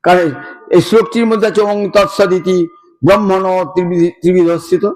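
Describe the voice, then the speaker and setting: A man's voice: high voice, steady tone, normal speed, darkish tone, soft background music, poor audio. A man with a Bengali accent giving a devotional discourse, chanting verses and explaining them with emphatic repetition. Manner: emphatic, repeats phrases. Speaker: Gita preacher.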